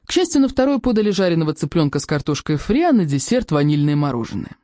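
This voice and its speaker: A reader narrating a children's book in a lively storytelling manner. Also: medium pitch, quick pace, dry recording, clean studio sound. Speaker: audiobook reader.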